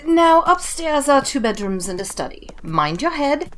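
A woman playing a kindly, muddled, hard-of-hearing old housekeeper in an audio drama, chatty and husky. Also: high voice, sing-song, moderate pace, background noise. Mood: cheerful, doddery.

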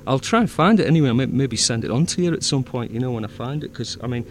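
A man with a Northern English accent in relaxed conversation, circling his point with fillers and restarts. His pitch sits in an ordinary middle range. A faint hiss runs underneath. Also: fast. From north of England. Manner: rambling, many fillers and restarts, easy laughter. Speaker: fan audio drama producer. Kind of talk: casual chat.

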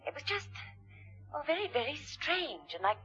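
A sharp-witted, arch woman investigator in a vintage radio drama. The voice is bright and very expressive, with dry delivery on a dull old recording. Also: high voice, normal speed, exaggerated voice. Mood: wry, puzzled. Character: cool, sharp-witted, wry female investigator.

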